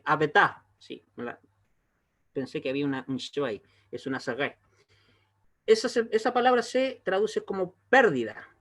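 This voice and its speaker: A man with a slightly high-pitched voice gives an online language lesson. He explains in a slow, patient way and keeps stopping to check that his students are following. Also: fairly bright tone. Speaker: Hebrew teacher.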